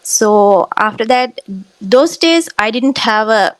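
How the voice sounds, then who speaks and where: A woman's voice: a little high, expressive, no room sound. Earnest Sri woman, dry sound. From Sri Lanka. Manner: earnest, halting with frequent fillers. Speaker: pageant contestant guest. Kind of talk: podcast interview.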